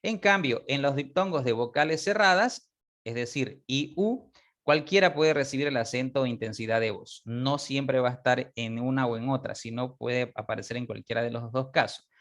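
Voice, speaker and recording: A man teaching a class, explaining step by step, repeating example words slowly and often checking that students follow. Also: mid-range voice, fairly bright tone. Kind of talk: online class lecture.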